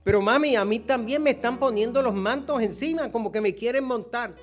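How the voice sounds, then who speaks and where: A man's voice: extremely high pitch, brisk. A pastor voicing a nervous young male donkey colt who keeps crying out to his mother. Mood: worried. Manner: plaintive, repeatedly calling for his mother.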